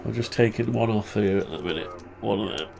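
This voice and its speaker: A man with a fairly low, quick voice and some vocal fry talks over crowd noise. Stuffed up and tired from the flu, he sounds muffled and nasal as he rambles and mutters to himself through a casual hobby tutorial.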